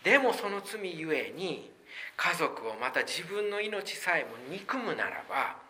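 Bright-voiced male pastor preaching. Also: fairly high pitch, sing-song, measured pace. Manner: emphatic preaching with rhetorical questions. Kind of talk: sermon.

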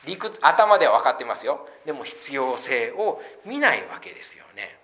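Bright-voiced male pastor preaching. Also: medium pitch, very animated, normal speed. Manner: emphatic preaching with rhetorical questions. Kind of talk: sermon.

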